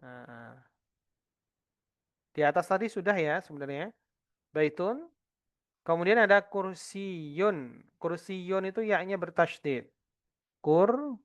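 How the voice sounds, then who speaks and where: Patient male Arabic teacher, smooth voice. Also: high voice, expressive. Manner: patient, repeats words slowly for the class. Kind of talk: explaining an Arabic lesson to adult students.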